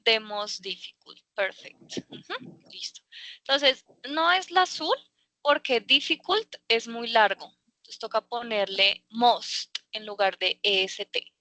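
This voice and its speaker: Woman english teacher, slow and patient, bright voice, dry close sound. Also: on the high side, no room sound. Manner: patient, explains slowly with many fillers. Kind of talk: online class. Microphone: video call.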